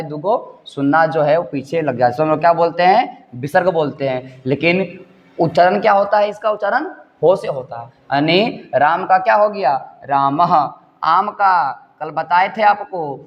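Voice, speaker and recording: A male teacher with a Bihari Hindi accent, slowly dictating a lesson and quizzing students with repeated questions. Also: on the high side. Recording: dull lo-fi sound with long room echo.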